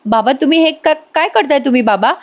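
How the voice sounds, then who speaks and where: A woman's voice: sits high, a little fast, pitched above the performer's own voice, lightly acted. A woman voicing a desperate young daughter who pleads with her father in tears, in a retold serial scene. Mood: pleading, tearful. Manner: pleading, crying out.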